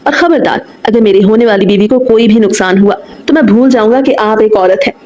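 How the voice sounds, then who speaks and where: A woman's voice: mid-range voice, a little fast, darkish tone, echoey room, dull audio, slight background noise, close to an everyday voice. A woman voicing a possessive young man in a romance audiobook, talking in a firm, commanding way. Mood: stern.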